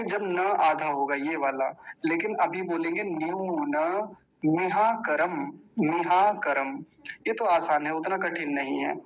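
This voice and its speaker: A man teaching the pronunciation of a Sanskrit mantra, breaking words into syllables and repeating them slowly and carefully. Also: high-pitched, fairly bright tone, low-quality recording. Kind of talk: recitation lesson.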